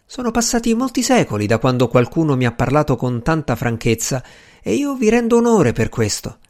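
A grand, volatile fairy gentleman from an audiobook, ancient and quick to fury, as a male narrator puts him on. His voice wails and swoops from low to high, and he stretches out his words. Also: big pitch swings. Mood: surprised, gracious.

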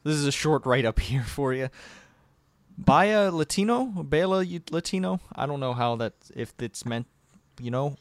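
A man's voice: mid-range voice, moderate pace, dry recording, studio quality. A man hosting a casual gaming podcast, leading segments with a teasing, chatty manner. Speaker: podcast host.

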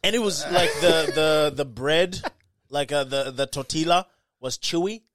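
A man's voice: on the high side, unhurried, a bit bright, slight background noise. A man chatting casually with friends, laughing and swearing through his stories. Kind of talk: casual chat.

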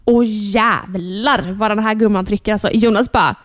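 A woman in her thirties, a podcast co-host, telling a story in a lively, animated way and acting out her own shouts. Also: mid-range voice, dry recording. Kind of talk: casual chat.

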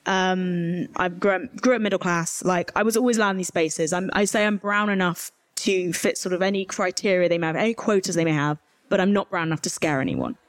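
Briskly and with few pauses, a young woman with a fairly low voice offers candid, conversational interview answers and emphatic asides as a journalist on a live-event panel. She is from rural Herefordshire, England, speaks with a modern RP accent, and there is no room sound.

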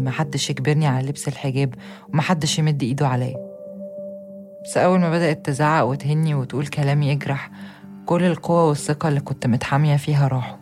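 Very fast-talking young Egyptian woman. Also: deep voice. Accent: Egyptian Arabic. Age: young adult. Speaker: narrator. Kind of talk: scripted first-person narration.

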